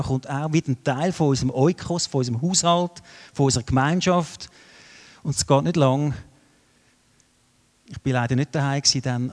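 A middle-aged man with a Swiss German accent, preaching a sermon with lively storytelling that swings between loud and soft. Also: fairly high pitch. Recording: long hall reverb.

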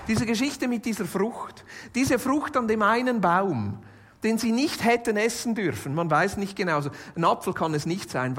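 A woman preaching a sermon in a conversational tone, with light jokes and points built by repeating and restating phrases. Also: fairly high pitch. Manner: builds points by listing and restating.

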